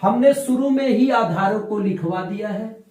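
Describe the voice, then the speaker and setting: A male teacher giving a lecture, drawing out sounds slowly for his students and answering his own questions. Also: high-pitched, darkish tone, roomy sound, rough recording. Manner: slow, drawn-out explanation, stretching out sounds for learners; asks the class questions and answers them himself. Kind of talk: classroom lecture.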